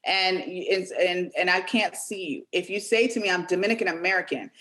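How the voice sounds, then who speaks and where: A woman co-hosting a casual podcast discussion, asking probing, animated questions. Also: on the low side, a little fast. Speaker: podcast co-host.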